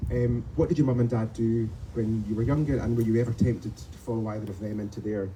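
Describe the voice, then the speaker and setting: A man's voice: medium pitch, fairly even intonation, quick pace, warm tone, a little hiss or hum, rough recording. A man interviewing an author at a live event, asking polite questions.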